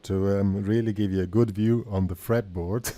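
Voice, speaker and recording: Low-voiced male guitar teacher, chatty. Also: steady tone, moderate pace. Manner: chatty, self-deprecating, with frequent ums and restarts. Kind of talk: casual guitar lesson. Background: loud guitar playing.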